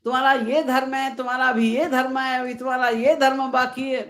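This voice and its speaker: A woman's voice: sits high, little pitch movement, brisk, lightly acted. A woman voicing an old male sage who first scolds and then coaxes his son, told within a devotional story. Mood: pleading.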